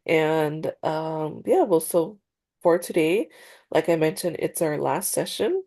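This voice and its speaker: In a practice therapy role-play on a video call, she takes the counselor's part, her speech hesitant and full of fillers and restarts, with a congested, slightly nasal quality. The voice is deep, animated and mellow, delivered at a slow pace.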